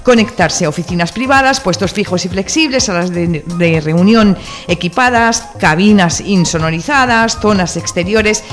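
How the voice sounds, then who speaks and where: Brisk woman reading local radio news. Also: mid-range voice. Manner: brisk, newsreader delivery. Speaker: radio host. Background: music bed.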